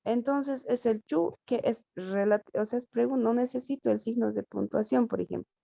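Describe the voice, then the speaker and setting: A woman's voice: a little high, normal speed, gravelly, dark tone, no echo, muffled recording. A woman from Peru, a student in a translation class, asking a question hesitantly and checking in often. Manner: hesitant, circles back with "¿no?".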